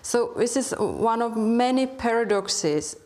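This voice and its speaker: A woman speaking as an expert guest on a debate panel, thoughtful and hesitant, often pausing to find her words. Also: fairly high pitch, lively intonation. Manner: thoughtful, many hesitations, gently questioning. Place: public debate hall.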